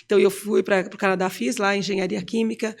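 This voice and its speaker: A woman's voice: mid-range voice, flat delivery, fast, creaky. A Brazilian woman in her forties, a guest on an interview show, talking casually and rambling with many fillers.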